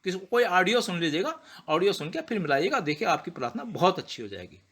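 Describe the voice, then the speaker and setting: A man giving a patient pronunciation lesson, sounding out words slowly and checking in with rhetorical questions. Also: sits high, sing-song, a bit bright. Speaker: teacher of prayer pronunciation. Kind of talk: explanatory lesson.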